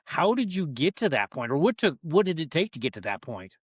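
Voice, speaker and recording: A man hosting a podcast interview, asking halting questions with many restarts and giving brief acknowledgements. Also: a little high, very animated, husky, dry recording, studio quality. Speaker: podcast host. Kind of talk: conversational interview.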